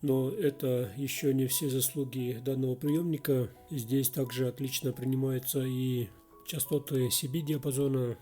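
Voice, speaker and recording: Man with a dark, mellow voice explaining gadgets. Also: medium pitch, steady tone, normal speed, faint music behind. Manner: explanatory, matter-of-fact. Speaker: radio reviewer. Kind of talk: product review voice-over.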